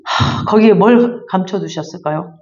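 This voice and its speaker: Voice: medium pitch, normal speed, dull audio. A pastor preaching a fervent, repetitive sermon and then leading a closing prayer in a church sanctuary.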